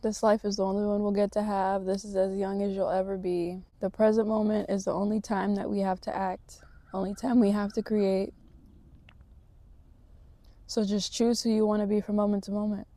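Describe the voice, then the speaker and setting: A woman's voice: medium pitch, level tone, moderate pace, dark tone, dry recording. A woman talking to camera in a casual vlog, reflective and motivational, rambling a little with fillers. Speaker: vlogger.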